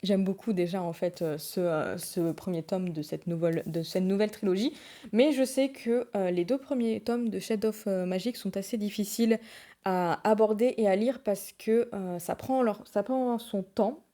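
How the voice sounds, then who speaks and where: A young woman chats casually to camera in a mellow, dark-toned voice. She rambles and hesitates a lot, trailing off and restarting her thoughts. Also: mid-range voice, moderate pace. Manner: chatty, rambling, many hesitations. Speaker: book vlogger.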